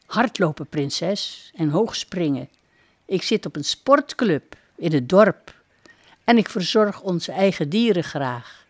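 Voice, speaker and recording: A woman's voice: lowish voice, lively intonation, takes it slowly, no room sound. A woman reading a storybook aloud and voicing a shy, humble young prince who speaks modestly.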